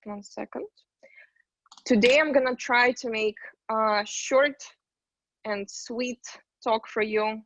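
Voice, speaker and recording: A woman's voice: fairly high pitch, slow pace, pauses often, a bit bright, no room sound. A woman from Ukraine presenting as an investment banker in an online talk, upbeat and chatty with many fillers. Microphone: computer mic on a video call. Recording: dull, dry video call audio.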